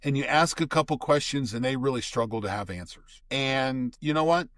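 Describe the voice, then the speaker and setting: A man's voice: mid-range voice, moderate pace, a bit bright, no room sound. An older man talks as a podcast guest in a mid-range voice, explaining at length like a seasoned storyteller. He often stops and restarts a phrase before going on. The recording is dry and close. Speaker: guest expert. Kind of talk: casual conversational explaining.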